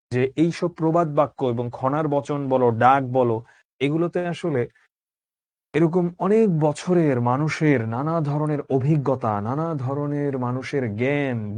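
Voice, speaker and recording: A man's voice: on the high side, a little mellow, dry recording. A man teaching an online class, explaining a text line by line and asking his students questions.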